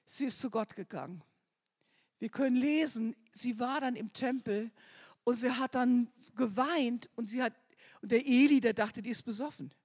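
Husky woman preaching with fervor. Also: a little high, moderate pace. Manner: fervent, swings from soft near-whispers to loud cries. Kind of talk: sermon.

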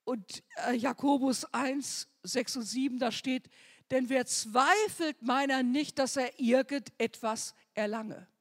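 A woman preaching a sermon with fervor, her delivery swinging from soft, near-whispered prayer to loud cries. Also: high voice, takes it slowly.

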